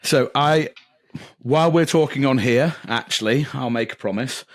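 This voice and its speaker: A man's voice: mid-range voice, normal speed, dry recording. A man co-hosting a podcast, teasing his partner in jokey, casual banter. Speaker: podcast co-host. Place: indoor podcast studio, filmed.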